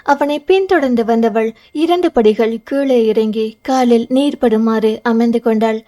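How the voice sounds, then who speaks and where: A woman reads a romance novel aloud as scripted narration. Her voice sits somewhat high and sounds mellow and warm, with a steady, even delivery. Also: a little slow.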